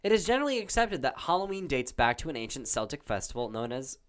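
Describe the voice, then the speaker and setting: Animated man reading trivia. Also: medium pitch. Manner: animated, halting, laughs often. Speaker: quiz reader. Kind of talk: casual chat reading trivia aloud.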